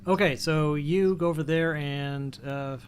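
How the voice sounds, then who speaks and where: A man with a somewhat high voice runs a tabletop session, narrating scenes and sorting out rules as he goes. A faint hiss of ambience sits under his voice. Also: steady tone, unhurried. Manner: describes scenes and rules, thinking aloud. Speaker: game master. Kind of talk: running a tabletop game online.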